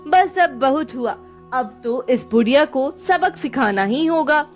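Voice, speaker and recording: A woman's voice: high-pitched, expressive, unhurried, soft background music. A woman voicing a jealous male sweet-maker who speaks with a sneer. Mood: scheming.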